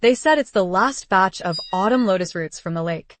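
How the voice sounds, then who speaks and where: A woman dubbing a caring young wife in a period drama, with a gently bossy, fussing manner. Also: mid-range voice, animated, moderate pace, natural voice. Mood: teasing, fussing. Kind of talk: English dub of a period drama.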